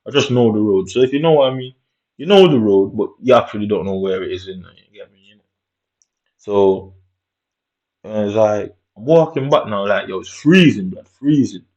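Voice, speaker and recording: A male vlogger tells a story in a casual monologue, using streetwise slang, swearing, and ending lines with "innit". His voice is on the low side with a darkish tone and a moderate pace, captured in a dull, lo-fi recording.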